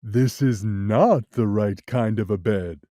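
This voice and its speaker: A reader voicing a boastful male cat in a hat, booming and jolly, in a storybook reading. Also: slow, dark tone, dry recording, clean studio sound, natural voice. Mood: explaining. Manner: booming, jolly, laughing, show-off. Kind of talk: storybook read-aloud.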